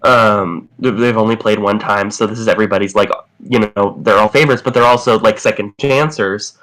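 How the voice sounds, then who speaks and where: A man co-hosting a casual podcast, sick with covid and a little raspy, talking in a rambling way full of fillers. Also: on the low side, fairly even intonation, fairly quick, fairly bright tone, poor audio. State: sick with covid, slight rasp. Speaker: podcast co-host.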